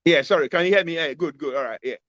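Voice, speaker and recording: Interviewed over a video call that repeatedly freezes and cuts out, this political candidate, a Ghanaian-accented man in his fifties, talks fast in a slightly high, fairly bright voice. He is emphatic and keeps repeating his main points. The recording is dull and dry.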